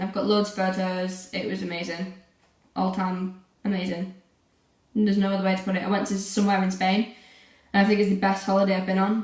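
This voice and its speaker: Rambling teen girl, roomy and distant. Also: mid-range voice. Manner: rambling, chatty, lots of fillers. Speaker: vlogger. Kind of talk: casual vlog chat.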